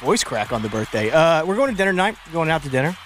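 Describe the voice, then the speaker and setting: A man in his twenties, a radio show's executive producer, chatting in a relaxed way in the studio. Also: a little high, fast talker, slight background noise. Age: 20s. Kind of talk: casual sports talk.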